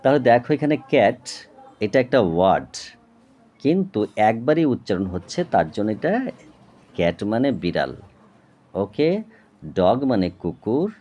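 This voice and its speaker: A man teaching a lesson at a board, explaining slowly and patiently, spelling out words and often checking with "okay?". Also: fairly low pitch, very animated, muffled recording. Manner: slow, patient, repeats "okay?" to check understanding; spells words out and breaks them into parts. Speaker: tutor.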